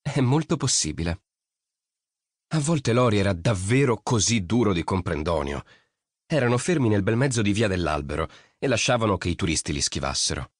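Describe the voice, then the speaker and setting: A man narrating an audiobook in an expressive storytelling reading. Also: low-pitched, no room sound, studio quality. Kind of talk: scripted narration.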